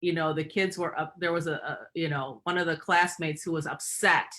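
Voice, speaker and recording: Sitting low in pitch, this Michigan woman's voice sounds pushed and bright, with fairly even intonation at a moderate pace. A middle-aged guest from Michigan, USA, she reflects on personal stories in an interview, using frequent fillers, with slight background noise.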